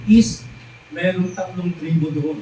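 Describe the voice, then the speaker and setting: A Filipino-accented man preaches in a fairly high voice, drawing out the scripture he quotes. He sounds far from the microphone in a reverberant church hall. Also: warm tone, slight background noise. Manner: mixes English scripture with Tagalog, keeps calling the congregation "mga kapatid"; drawn-out, emphatic quoting of lines. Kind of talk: sermon. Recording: echoey church hall recorded from a distance.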